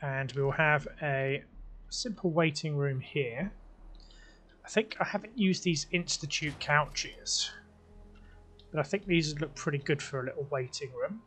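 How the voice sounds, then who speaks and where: A young man from the UK chats casually while building in a game, thinking aloud through every small choice. His voice sits a little higher than most men's. He sounds relaxed and unhurried at his desk microphone. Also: a little hiss or hum. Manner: chatty, musing, talks himself through choices. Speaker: let's play host. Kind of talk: casual gameplay commentary.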